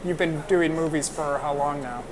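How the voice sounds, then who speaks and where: A young American man with a voice on the high side interviews a guest on a film set in a casual chat, talking freely, poking fun at himself and quick to joke. Loud on-set noise and a crowd fill the background.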